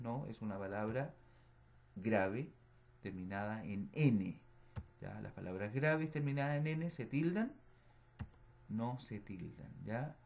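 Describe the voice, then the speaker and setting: A male teacher records feedback for a remote class at an unhurried pace, in a voice of middle pitch. He repeats key words and pauses to check that students follow. Faint noise and keyboard clicks sit behind him. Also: creaky, darkish tone. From Chile.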